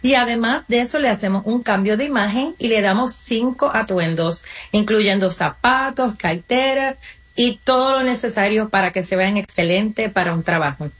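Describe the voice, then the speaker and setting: A woman with a medium-pitched voice speaks at a moderate pace as an interview guest representing a community nonprofit. She answers the questions by explaining her advice with examples and speaks directly to the listener.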